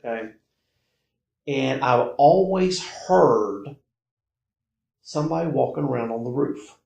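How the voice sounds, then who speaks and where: An American man from North Carolina, a podcast guest, casually tells stories of his own paranormal experiences in halting, emphatic phrases with short repetitions. His voice is medium-pitched, creaky and somewhat dark. The in-person conversation takes place in an indoor room, and the recording sounds roomy and echoey.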